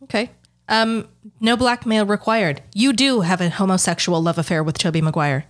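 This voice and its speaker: A woman's voice: mid-range voice, fairly even intonation, moderate pace. A woman co-hosting a podcast, teasing in a dry, matter-of-fact way. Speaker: podcast co-host. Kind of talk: casual podcast banter.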